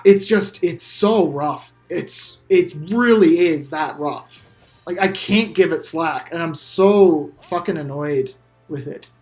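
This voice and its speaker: A man's voice: a little high, takes it slowly, darkish tone, roomy sound, faint music behind. A man hosting a casual game discussion, speaking candidly and bluntly and swearing freely. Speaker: channel host.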